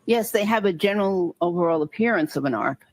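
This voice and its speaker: Female doctor as courtroom expert witness. Slightly low voice, cautious, halting, qualifies her answers. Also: expressive. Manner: careful, qualifying, halting with repeated word starts. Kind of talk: courtroom testimony.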